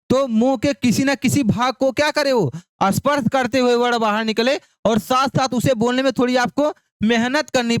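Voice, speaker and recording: High-voiced man drilling Hindi syllables. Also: clear, resonant tone, no room sound, clean studio sound. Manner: repetitive call-and-response drilling of syllables. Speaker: teacher. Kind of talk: exam-prep phonetics lesson.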